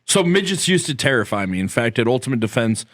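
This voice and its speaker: A man's voice: mid-range voice, big pitch swings, quick pace, fairly bright tone, dry recording. A man co-hosting a podcast, a laid-back, self-mocking storyteller on a close mic. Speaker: podcast co-host. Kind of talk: casual chat, anecdotes.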